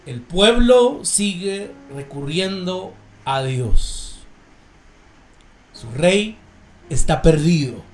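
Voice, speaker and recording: A man preaching a sermon in a Guatemalan Spanish accent, reading scripture and explaining it in a slow, measured way, often calling his listeners brothers. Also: high-pitched, animated, reverberant.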